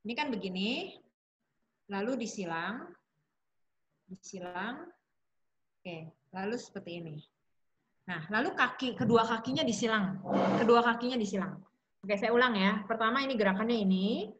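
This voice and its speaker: A woman's voice: fairly high pitch, lively intonation, normal speed, long pauses, a little hiss or hum. Chatty woman on a dull online call. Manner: chatty, warm asides, frequent fillers. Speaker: speaker at an online support session. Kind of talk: casual talk with guided exercises.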